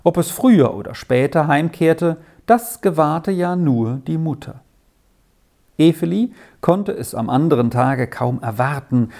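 A storyteller reading a children's story aloud in a slow, expressive way. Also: mid-range voice, gravelly.

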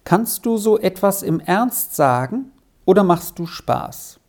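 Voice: mid-range voice, expressive, takes it slowly, darkish tone, voice pushed up. A storyteller voicing a strict middle-aged father who scolds his son curtly. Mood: stern. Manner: stern, curt, scolding.

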